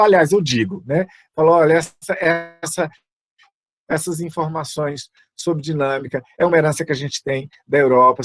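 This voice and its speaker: A man's voice: fairly high pitch, no echo. Chatty man teaching music online. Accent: Brazilian Portuguese. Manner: chatty, lots of fillers and asides. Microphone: video call.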